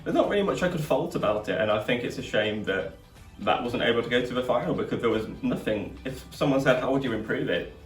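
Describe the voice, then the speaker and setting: A man's voice: mid-range voice, expressive, quick pace, few pauses. A man chatting casually as he leads a panel review. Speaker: drag queen reviewer leading the panel. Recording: echoey room, distant mic, music behind.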